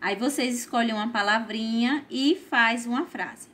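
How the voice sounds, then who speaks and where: A woman with a Brazilian Portuguese accent teaching a primary school class, explaining each exercise slowly and patiently and checking in with "certo?" after her points. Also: a little high, fairly bright tone. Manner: slow, patient, tags lines with "certo?". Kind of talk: recorded remote class lesson.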